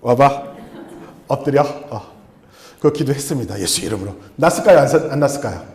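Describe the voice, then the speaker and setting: Animated male missionary preaching. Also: medium pitch, quick pace, gravelly, roomy sound. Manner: animated, acts out dialogue in changing voices. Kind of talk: sermon with personal storytelling. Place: church sanctuary.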